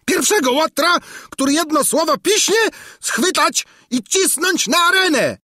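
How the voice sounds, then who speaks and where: A man's voice: very high-pitched, lively intonation, measured pace, pushed and bright, no room sound, clean studio sound, pitched above the performer's own voice, exaggerated voice. A man voicing a cruel, hot-tempered tyrant king who shrieks out orders in an audiobook. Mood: furious shouting. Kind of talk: audiobook character voice.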